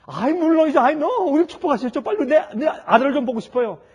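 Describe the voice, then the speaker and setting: A man voicing a young mother in hospital who pleads to see her baby, in a high, tearful voice. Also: lively intonation, fast talker, a little mellow. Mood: eager.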